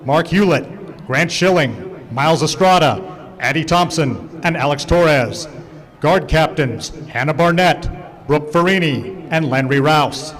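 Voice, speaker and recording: A man announcing over the PA system at a football stadium, reading a halftime introduction and a list of names in a formal, measured way. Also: on the high side. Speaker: stadium public address announcer. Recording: PA speakers with long stadium reverb.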